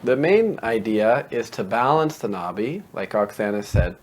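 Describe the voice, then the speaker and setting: A man hosting a meditation show, explaining calmly and conversationally and posing rhetorical questions. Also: fairly low pitch, normal speed, a little hiss or hum.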